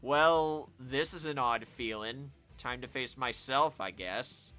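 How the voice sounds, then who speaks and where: A man giving live commentary while playing a video game, chatty and self-amused, reacting out loud as he plays. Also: medium pitch, slow, faint music behind. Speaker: game streamer.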